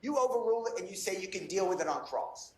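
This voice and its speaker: A man's voice: high voice, lively intonation, quick pace, echoey room, slight background noise, low-quality recording. A man working as a defense attorney, pleading insistently with a judge in a courtroom.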